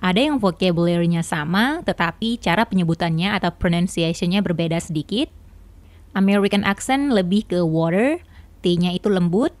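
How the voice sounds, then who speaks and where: A woman's voice: on the low side, no echo. A woman teaching an English lesson, explaining patiently step by step with examples.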